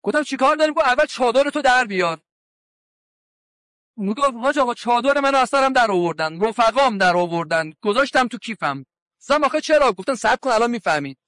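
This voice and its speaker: A male cleric delivers a sermon in a strikingly high voice and a colloquial manner. He from around Qom and retells conversations, voicing the lines of the people in his stories. The sound is close and dry, with no room echo. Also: animated, fairly bright tone. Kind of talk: sermon with anecdotes.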